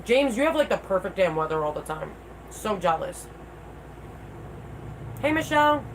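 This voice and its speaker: A middle-aged woman hosts a casual livestream, answering viewers in a candid, informal way with some mild swearing. Her speech sounds toothless, her medium-pitched voice swings widely in pitch, and she talks at a normal speed. The audio is poor, with a little hiss or hum.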